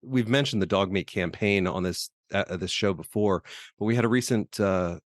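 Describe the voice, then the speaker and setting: A man co-hosting a casual podcast chat, relaxed and chatty, often laughing. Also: deep voice, normal speed, no echo. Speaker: podcast co-host.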